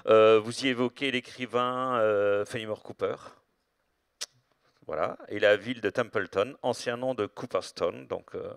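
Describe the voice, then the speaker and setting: A man hosting a literary interview, talking in a hesitant, meandering way with many filled pauses. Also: mid-range voice, clear, resonant tone, dry recording, studio quality. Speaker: interviewer, event host.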